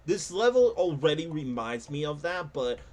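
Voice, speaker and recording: A man giving casual gameplay commentary as a streamer, animated and self-mocking, laughing often. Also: fairly high pitch, moderate pace.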